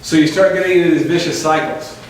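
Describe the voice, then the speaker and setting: An energetic man with a slightly high voice lecturing a live audience, quizzing them and slipping in sarcastic asides. He is heard from a distance in a very echoey room, with faint noise behind him. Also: fast talker. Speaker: chiropractor presenting a health workshop.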